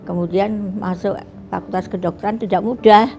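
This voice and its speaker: A woman in her seventies, a retired eye doctor, recalling her life in a slow, reflective interview with many pauses. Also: mid-range voice, fairly even intonation, dark tone, faint music behind. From Bali, Indonesia. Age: 70s. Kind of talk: recorded interview, personal reminiscence.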